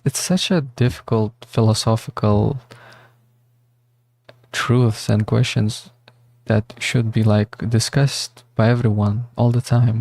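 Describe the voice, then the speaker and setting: A man's voice: fairly low pitch, gravelly, warm tone, no echo. A man streaming a game who rambles through philosophical thoughts, swearing freely as he muses. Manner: rambling, meandering, swears often. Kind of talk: casual livestream musing.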